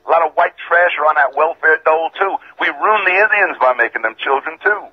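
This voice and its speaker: A man from Georgia calling in to a radio show, insistent and calmly argumentative, his voice tinny and metallic over a bad phone line. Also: fairly high pitch, brisk, husky. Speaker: caller. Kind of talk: call-in radio caller.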